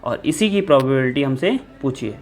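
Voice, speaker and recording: A man's voice: medium pitch, brisk. A man teaching an exam-prep maths lesson, working through a problem step by step and repeating key points, with faint music behind him. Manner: steady explaining, repeats steps, self-corrects. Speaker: maths tutor.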